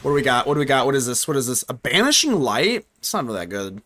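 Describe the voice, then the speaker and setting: Quick and medium in pitch, a young gaming streamer's voice carries casual live commentary on a card game. He jokes around animatedly, speaking to his viewers and to himself.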